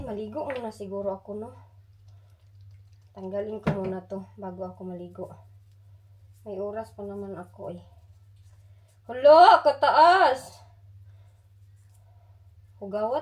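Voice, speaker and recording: A woman's voice: mid-range voice, fairly even intonation, moderate pace, pauses often, mellow, slight background noise. A middle-aged Filipino woman with a Filipino accent, chatting casually in a home vlog and telling stories while switching between languages. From Philippines. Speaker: vlogger.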